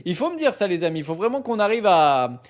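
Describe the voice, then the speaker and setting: A man's voice: high voice, sing-song, fast. A man hosting a live stream, chatting casually and playfully, often laughing as he reads out suggestions. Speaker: livestream host.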